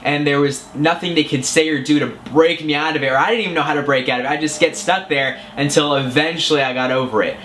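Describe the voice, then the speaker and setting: A man's voice: on the high side, pushed and bright, a little hiss or hum. Upbeat man giving chatty vlog advice. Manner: earnest and chatty, with frequent restarts. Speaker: self-help vlogger.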